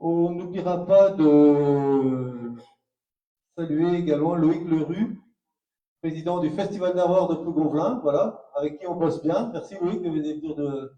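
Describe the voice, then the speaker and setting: A man thanks institutions at a public event, stumbling and repeating himself. His voice is very dark and mellow, a touch high. The sound is dull and picked up from far off in an echoey hall. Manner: halting, repeats words. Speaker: co-president of the tournament. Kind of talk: thank-you speech.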